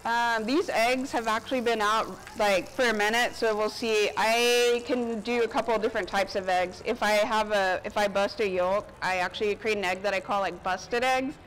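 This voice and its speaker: This chef, a woman in her thirties, keeps up a casual running commentary while busily cooking before a crowd at an outdoor covered market stage. Her mid-range, slightly bright voice has fairly even intonation, normal speed and hardly any pauses. Captured on a lapel mic, the low-quality audio carries outdoor park ambience in the background.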